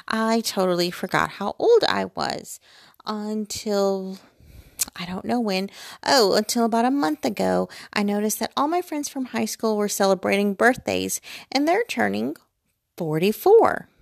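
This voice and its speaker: Her medium-pitched, gravelly voice moves at a moderate pace, recorded at studio quality with no room sound. She's an American vlogger in her forties, casually rambling about personal things from bed at home with self-deprecating humor.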